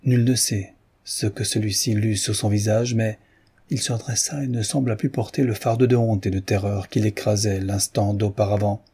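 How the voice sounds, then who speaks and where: Male audiobook narrator, measured reading, low pitch, dark husky voice. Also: fairly even intonation. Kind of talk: scripted narration.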